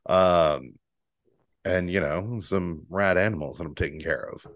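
Deep-voiced laid-back man, dry sound. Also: a little slow, dry recording. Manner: laid-back, swears a lot, laughs easily. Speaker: podcast co-host. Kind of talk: casual chat over beers. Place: borrowed house, indoors.

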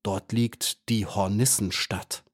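A pedantic centipede who doubts everything, as a man reads him in a storybook audiobook. His voice is fairly low and only a little lifted. He talks steadily, with fussy care. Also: steady tone, takes it slowly. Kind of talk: audiobook character voice.

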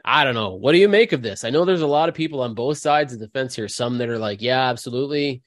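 A male podcast host talks through the news conversationally. His pitch is in the middle range, and the recording is close and dry. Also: expressive, fast, dry recording. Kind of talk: casual conversational news talk.

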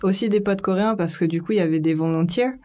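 A young Frenchwoman, interviewed in casual conversation, chats in a loose, slangy way packed with fillers. Her voice is fairly low, fast, and mellow.

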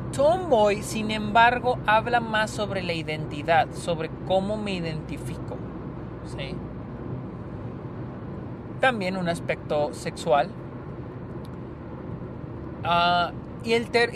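Male podcast host, northern Mexican accent, high-pitched voice, informal and sweary monologue, recorded in a car with noticeable driving noise. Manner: informal and slangy, swearing freely. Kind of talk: casual solo podcast monologue about films. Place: inside a car driving on a highway. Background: vehicle and road noise.

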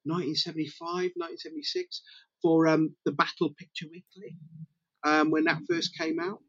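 Halting middle-aged man, dull dry recording. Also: a little high, husky, no room sound. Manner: halting, repeats words as he goes. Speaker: podcast guest, comics publisher. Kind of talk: casual interview chat.

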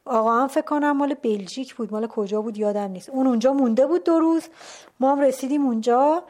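A woman tells a personal story in a relaxed, conversational way. Her voice sits a little high, and she keeps the telling animated. She sinks to a hushed whisper at tense moments and often breaks off a word to start again. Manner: trailing off and restarting mid-word. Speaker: storyteller recounting a climb. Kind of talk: casual spoken storytelling.

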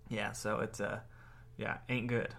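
Male podcast co-host, casual and rambling, with a sharp, bright voice. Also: fairly low pitch, level tone, measured pace, vocal fry. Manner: rambling, many fillers and restarts. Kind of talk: casual chat.

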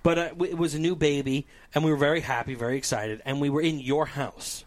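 A man co-hosting a casual talk show, telling a dream story in an animated way, swearing often and acting out voices. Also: fairly high pitch, fast talker. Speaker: podcast co-host.

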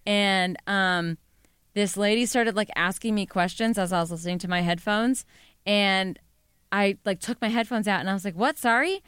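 A young woman trades stories on a casual podcast, poking fun at herself and slipping into quick put-on voices for the people she quotes. Her voice is smooth and clear. The sound is close and dry. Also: mid-range voice, fairly even intonation, a bit bright, no room sound. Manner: joking, self-deprecating storyteller who acts out quotes. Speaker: podcast co-host. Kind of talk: casual chat.

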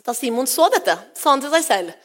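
A woman's voice: high voice, very animated. A woman pastor giving a sermon in a church service, retelling scripture in a personal, conversational way. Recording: long hall reverb.

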